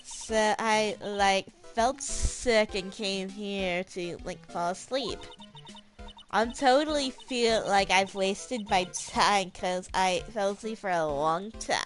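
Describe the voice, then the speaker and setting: Ditzy valley-girl young woman, done by a female streamer, airy filler-heavy delivery, unhurried. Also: medium pitch, soft background music, close to an everyday voice.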